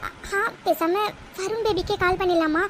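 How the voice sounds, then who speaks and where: A woman's voice: very high voice, steady tone, normal speed, over a noisy crowd. A woman voicing an anxious young woman stranded at a bus stop, pleading for help in a cartoon. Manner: pleading, worried. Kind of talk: cartoon voice acting.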